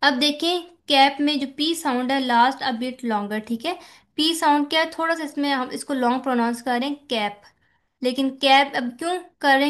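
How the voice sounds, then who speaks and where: High-voiced woman lecturing on phonetics. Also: fairly bright tone. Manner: mixes English terms into explanations, asks and answers her own questions; repeats "theek hai" as a check-in. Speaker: teacher. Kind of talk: lecture explaining slides.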